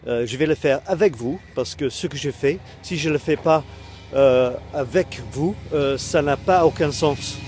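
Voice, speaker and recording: A fairly high-pitched, slightly slow and mellow male voice, with faint music in the background. He's a British man with an English accent, an online course creator talking casually to camera. He sounds hesitant, with lots of ums and restarts.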